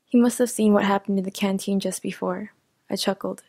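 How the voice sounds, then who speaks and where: Woman reading fiction in a flat voice. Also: mid-range voice, brisk, vocal fry, no echo. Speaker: narrator. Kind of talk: first-person audio fiction reading.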